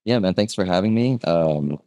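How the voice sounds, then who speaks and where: Deep-voiced man in his thirties, easygoing interview guest, chatty with fillers, close and dry. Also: moderate pace, no room sound. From Vietnam. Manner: relaxed, conversational, frequent fillers and rhetorical "right?". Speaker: guest, real estate agent. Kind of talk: casual interview storytelling.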